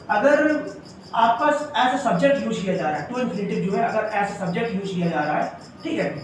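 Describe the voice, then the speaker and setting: Male teacher, high voice, explains rules step by step; recorded from a distance in a bare echoing room. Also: a little hiss or hum. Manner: explains step by step, often says "ठीक है". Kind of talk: classroom grammar lesson. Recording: echoey room, voice from far off.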